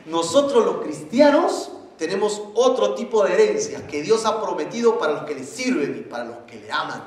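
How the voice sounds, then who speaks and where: A man preaching a sermon as pastor, animated and often asking the congregation questions. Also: high-pitched, normal speed. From Peru. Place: church hall. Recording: very echoey church hall, faint noise.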